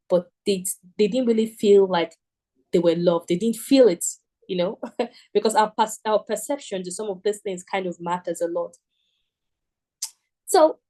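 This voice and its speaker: A woman's voice: medium pitch, dark tone. Earnest woman teaching, repeating herself emphatically. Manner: repetitive, emphatic, earnest with frequent "right?" and "you know". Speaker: program teacher. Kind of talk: motivational teaching talk.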